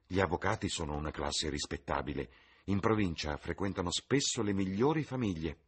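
A man voicing a vain, theatrical middle-aged mother in an audiobook, husky and fussy. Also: low-pitched, expressive, a little fast. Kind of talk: audiobook reading.

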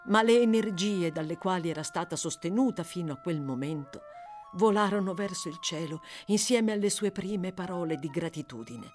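A woman narrating a classic novel as an audiobook, in a measured, expressive storytelling voice. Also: lowish voice, soft background music.

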